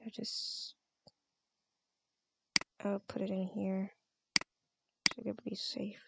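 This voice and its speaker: Giggly young woman with a gravelly edge. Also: mid-range voice, flat delivery, slow, heavy background noise. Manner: stammering, giggly, flustered. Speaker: role-play channel host. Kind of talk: Minecraft role-play.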